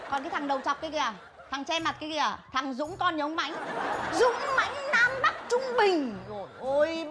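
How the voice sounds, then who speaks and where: An actress playing a sharp-tongued middle-aged mother who scolds fake tutors in a comedy sketch. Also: extremely high pitch. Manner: scolding, mocking.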